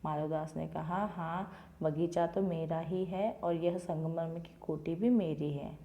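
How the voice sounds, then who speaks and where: A woman teacher reads a story to schoolchildren and then explains each line in plain words. Her voice sits fairly low and sounds mellow and relaxed. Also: measured pace, highs cut off. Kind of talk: reading a Hindi textbook lesson aloud and explaining it to children.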